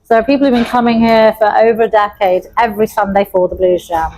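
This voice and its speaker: A woman's voice: mid-range voice, steady tone, fast talker, mellow, poor audio. A young adult woman from Wales, a chef and pub owner, talking in an interview with enthusiasm and frequent laughter. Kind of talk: interview conversation.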